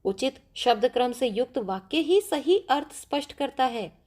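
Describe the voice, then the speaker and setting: A woman's voice: high voice, animated, moderate pace, darkish tone. A woman teacher explaining grammar to pupils step by step, often asking them questions. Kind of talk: classroom grammar lesson.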